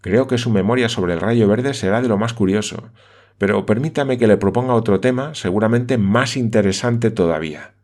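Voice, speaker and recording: A man voicing a calm, politely ironic young painter in an audiobook. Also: fairly low pitch, moderate pace, close to an everyday voice. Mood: dry.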